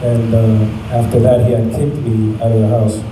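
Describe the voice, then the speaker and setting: A young man sharing a personal faith testimony, talking in a halting, reflective way with many fillers. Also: fairly low pitch, flat delivery. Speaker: testimony speaker. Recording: echoey room, mic at a distance, faint background noise.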